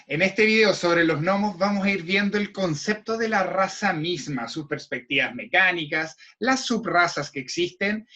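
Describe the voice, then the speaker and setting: Upbeat, high-voiced Chilean man. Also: sharp tone, dull audio. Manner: enthusiastic, playful, conversational. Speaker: host. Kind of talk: explanatory roleplaying-game chat.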